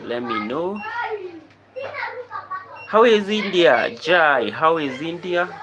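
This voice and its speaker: A Kenyan man hosting a casual live stream, greeting viewers by name and repeatedly asking them to like and subscribe, talking into a computer microphone. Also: mid-range voice. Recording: loud background noise.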